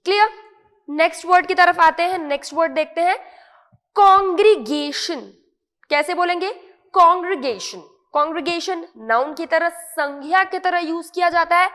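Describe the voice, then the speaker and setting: A high-voiced Indian woman teaches English words in an online lesson. She explains patiently, repeats each word and keeps checking that it is clear. A long reverb trails behind her voice. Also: a bit bright.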